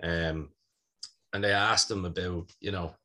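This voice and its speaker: A man with a lowish voice hosts a podcast. He chats casually and informally, with blokey banter. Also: fairly even intonation, a little slow, pushed and bright. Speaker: podcast host. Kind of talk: casual pro wrestling chat.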